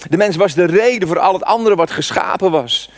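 A man's voice: high voice, a little fast. A man in his sixties preaching a sermon, telling a personal story with fervent rhetorical questions. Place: church. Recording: long church reverb.

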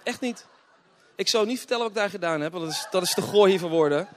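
High-voiced preacher in a hall. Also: male voice, fast talker, a little hiss or hum. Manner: storytelling with laughter, swinging between hushed and loud. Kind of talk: humorous testimony sermon. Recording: long hall reverb.

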